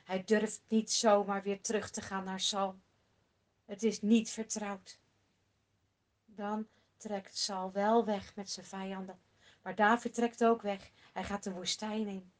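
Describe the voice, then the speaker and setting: A woman telling a Bible story to children in a slow, dramatic way, sometimes dropping to a whisper for suspense. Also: medium pitch, flat delivery.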